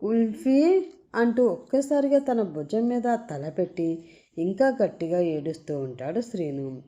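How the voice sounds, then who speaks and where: A woman narrating a serialized audio story in a steady storytelling manner. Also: fairly low pitch, measured pace. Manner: steady storytelling with channel sign-off.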